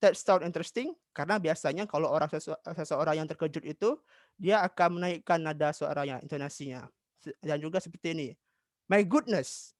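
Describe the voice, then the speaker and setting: A man's voice: fairly high pitch, no echo, clean studio sound. A young man with an Indonesian accent teaching an English lesson in a micro-teaching session, switching between English and Indonesian with frequent "ah" fillers. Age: young adult.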